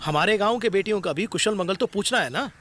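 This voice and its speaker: A man's voice: high voice, fast talker, heavy background noise, lightly acted. A man voicing a stern village leader. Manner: commanding, blunt. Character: stern middle-aged male village leader. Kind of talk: Hindi film dub. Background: loud film score.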